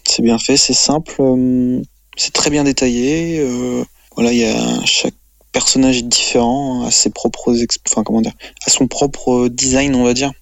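A man's voice: medium pitch, steady tone, moderate pace, vocal fry, no echo. A man presenting a manga review column on the radio, casual and hesitant, with many fillers and restarts.

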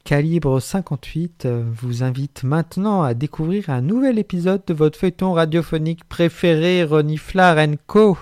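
A male radio host with a slightly high voice presents like an old radio serial announcer. The sound is close and dry. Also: normal speed, hardly any pauses, darkish tone, dry recording.

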